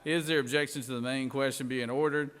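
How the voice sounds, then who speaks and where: A man presiding over a legislature, moving through formal procedure with informal, drawn-out phrasing. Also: medium pitch, fairly even intonation, fairly bright tone. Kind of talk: formal parliamentary procedure with offhand asides. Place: large indoor Senate chamber. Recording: echoey legislative chamber, long reverb.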